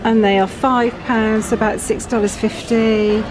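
A middle-aged British woman vlogging from a big store, chatting excitedly about items and their prices. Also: on the high side, normal speed. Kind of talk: shopping vlog walkthrough. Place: large busy store indoors. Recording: store music and crowd noise behind.

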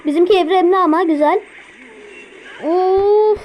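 A woman giving live gameplay commentary, excitable, talking to herself and repeating words as she plays. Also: high-pitched, a little slow, soft background music, rough recording. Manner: excitable, talks to herself while playing. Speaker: gameplay streamer.

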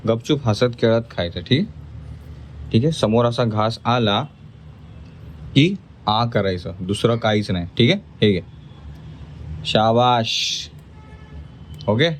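A man's voice: medium pitch, a little hiss or hum. A man vlogging about his family, talking to viewers while firmly coaxing and teaching his small child at mealtime. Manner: coaxing and firm, teaching a toddler.

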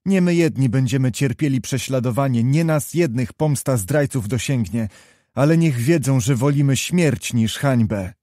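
A man's voice: mid-range voice, expressive, moderate pace, warm tone, no echo, clean studio sound, close to an everyday voice. Man voicing a proud, scornful young noblewoman. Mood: defiant. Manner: defiant, contemptuous.

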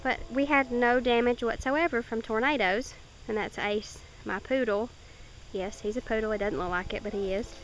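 A woman's voice: fairly high pitch, fairly even intonation, moderate pace, a bit bright, poor audio. Chatty woman on a farm tour. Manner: rambling, chatty, with many fillers and restarts. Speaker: small farm owner giving a tour. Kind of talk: casual filmed walk-around tour. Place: outdoors on a wooded farm by rabbit hutches. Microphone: handheld camera mic, filming herself off camera. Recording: faint outdoor noise.

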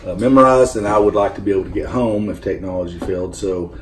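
A man in his thirties, visiting a home kitchen as a guest, calmly and practically explains survival gear in a casual chat, speaking fast in a low voice. He's steady but hesitant, using many fillers, and a distant camera picks up roomy kitchen sound with a faint hum.

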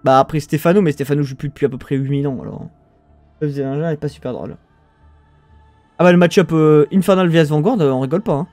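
This young Frenchman speaks fast in a fairly high, darkish voice, recorded dry over soft background music. Working as an esports caster, he gives casual live commentary on a strategy game match, chatting with viewers and often abandoning sentences to start again.

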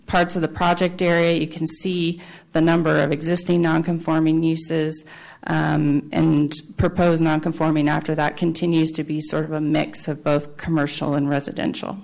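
Low, creaky-voiced woman presenting. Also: level tone, moderate pace, a little mellow. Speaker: city planning staff presenter. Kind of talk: formal public meeting presentation.

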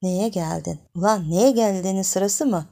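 Voicing a jealous young village man, a woman reader scolds and makes demands in a gruff, rough way. His lines sound gravelly and dark, a bit louder than the narration around them, delivered in a natural mid-range voice at a moderate pace with a demanding mood.

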